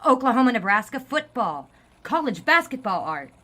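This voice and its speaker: A woman's voice: fairly high pitch, big pitch swings, normal speed, pushed and bright, heavily acted. A woman voicing a chipper young 1920s newspaper editor with breezy, wide-eyed chatter. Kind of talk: 1940s radio acting.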